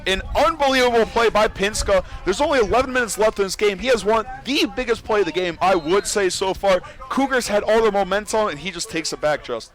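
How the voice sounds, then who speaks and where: A young man calling college football play-by-play, excitable and getting loud on big plays, outdoors at a stadium. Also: sits high, brisk, few pauses. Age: young adult. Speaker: play-by-play commentator.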